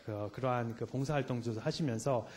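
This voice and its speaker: A man's voice: mid-range voice, brisk, a little mellow, slight background noise. A man, a Buddhist monk, giving a playful sermon to a lay audience in a temple hall, teasing them and asking question after question. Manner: keeps quizzing the audience with rhetorical questions.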